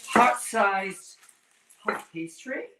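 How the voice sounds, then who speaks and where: Speaking extremely slowly in a high voice, a man hosts a casual live cooking demonstration filled with campy, playful drag queen banter and cheeky innuendo. The indoor kitchen has a stone counter, and the distant mic brings roomy echo plus faint noise.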